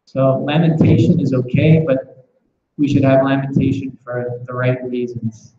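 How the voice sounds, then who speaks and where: With a steady tone and measured pace, a man of medium pitch leads a question-based scripture class in a temple classroom. His speech is reflective, often restarting with repeated words, and the room recording is echoey and muffled.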